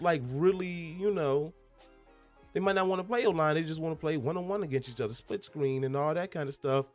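A man hosting a casual gaming podcast who reads out a news article and keeps breaking off to ramble and stumble over his words. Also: mid-range voice. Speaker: podcast host.

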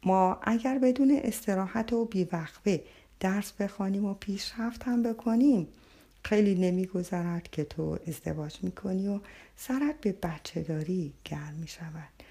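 A woman's voice: mid-range voice, slightly rough. A woman reading the part of a revered elderly male scholar, speaking in a fatherly, kindly way. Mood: doubtful. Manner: warm and fatherly, calls her child.

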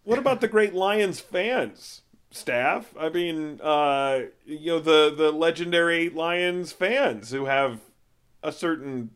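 A man's voice: on the high side, takes it slowly, fairly bright tone, smooth. A man co-hosting a comedy podcast, needling the guest with light teasing. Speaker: podcast co-host.

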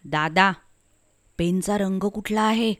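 A woman's voice: medium pitch, unhurried, clean tone, no room sound, clean studio sound, close to an everyday voice. A woman doing a shy blind young girl. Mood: hushed. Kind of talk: storytelling.

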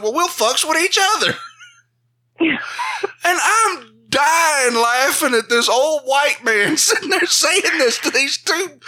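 A man co-hosting a podcast, telling stories in a casual, animated way and laughing along. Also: very high voice. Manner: animated storytelling, laughs at his own stories. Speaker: podcast co-host. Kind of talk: casual chat.

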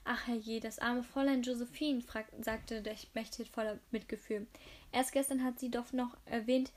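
A woman's voice: a little high, steady tone, normal speed, lightly acted. A woman reading the lines of a kindly, sympathetic servant woman in a household kitchen.

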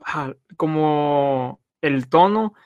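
A man's voice: a little high, very slow, a little mellow, no echo, lo-fi sound. A man, chiming in briefly during a casual chat. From northern Mexico.

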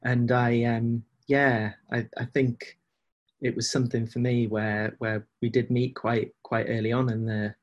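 A man's voice: mid-range voice, flat delivery, a little slow, muffled recording. A man in casual, reflective conversation as an interview guest, speaking hesitantly and often repeating phrases as he goes. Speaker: podcast guest, agile coach.

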